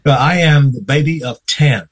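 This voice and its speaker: An older man, a guest on a radio interview, telling his life story slowly and reflectively. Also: a little high, husky, low-quality recording. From North Carolina, US. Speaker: guest, veteran newsman.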